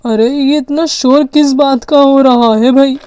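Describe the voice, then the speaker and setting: A woman's voice: high voice, steady tone, a little slow, warm tone, dry recording. A woman voicing a tired father of two in a doll story, talking in a fussy, scolding way. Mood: puzzled. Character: grown man, tired father of two kids. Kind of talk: doll story role-play.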